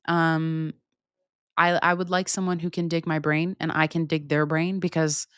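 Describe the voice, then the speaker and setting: Smooth, low-voiced young woman talking candidly. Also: flat delivery, moderate pace, a bit bright, no room sound, studio quality. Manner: candid, unfiltered, swears casually. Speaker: podcast host answering listener questions. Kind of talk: casual conversational monologue.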